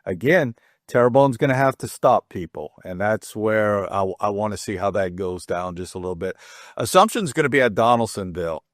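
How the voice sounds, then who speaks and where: A middle-aged man hosting a casual high school sports talk show, rambling and chatty, with frequent restarts and self-deprecating jokes. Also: animated, fairly quick, no room sound, studio quality.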